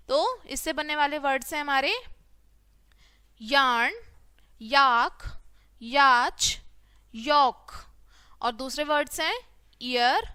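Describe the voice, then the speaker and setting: A high, bright woman's voice teaching phonics to children at an unhurried pace. She asks a question, then answers it herself, and draws out each letter sound. The recording is close and dry. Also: no room sound.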